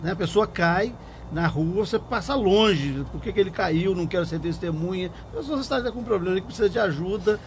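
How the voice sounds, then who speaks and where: High-voiced older man, thoughtful judge. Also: animated, a little fast, slight background noise. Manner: thoughtful, hesitant, repeats words. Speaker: appellate judge, guest. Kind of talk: reflective conversation.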